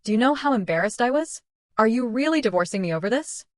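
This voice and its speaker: A woman's voice: a little high, expressive, quick pace, dry recording, clean studio sound, lightly acted. A woman voicing a defensive young wife who insists and pleads, justifying herself. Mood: defiant.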